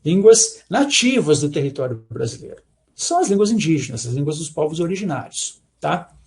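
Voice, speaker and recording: A man from Brazil with a Brazilian Portuguese accent, giving an academic talk in an explanatory way and often ending points with a quick check-in question. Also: a little high, sing-song, darkish tone. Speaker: lecturer.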